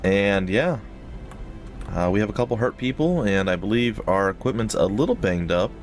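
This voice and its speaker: A man with a slightly wheezy, breathy-noisy voice giving casual, rambling, jokey commentary as host of a gaming let's play. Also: fairly low pitch, animated, normal speed, faint music behind. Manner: rambling, jokey, repeats phrases for effect.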